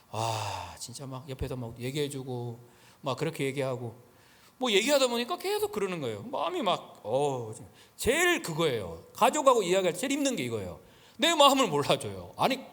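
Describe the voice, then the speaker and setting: A middle-aged man preaches to a church congregation, and his voice sits fairly high. He swings his pitch widely and fills his stories with quick fillers. The sound carries the long reverb of a large sanctuary. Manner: animated storytelling, frequent fillers, rapid pitch swings. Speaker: pastor. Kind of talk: sermon.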